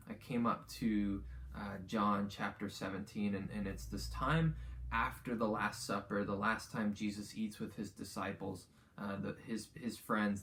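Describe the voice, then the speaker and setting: A man speaking as a youth pastor, giving an informal sermon in an earnest, conversational way and repeating phrases for emphasis. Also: lowish voice.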